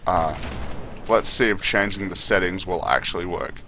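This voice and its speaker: A man's voice: low-pitched, moderate pace, pushed and bright, slight background noise. A man giving unscripted, opinionated game review commentary as a video host, speaking bluntly with casual swearing.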